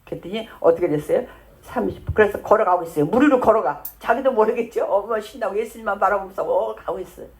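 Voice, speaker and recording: A woman's voice: medium pitch, quick pace, a little mellow. A woman pastor preaching a sermon in a church, telling the Bible story in a conversational way and acting out the lines of its characters.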